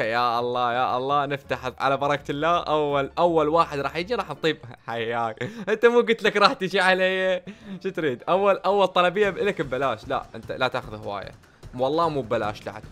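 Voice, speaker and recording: A man's voice: medium pitch, fairly bright tone. A young man giving playful, swaggering commentary over a game, talking straight to his viewers. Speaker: gaming YouTuber. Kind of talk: casual gameplay commentary.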